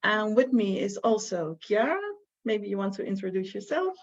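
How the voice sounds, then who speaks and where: A woman's voice: medium pitch, animated, normal speed. A woman advisor giving an online information presentation for prospective students, hesitant and full of fillers. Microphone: video call. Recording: muffled lo-fi video call audio.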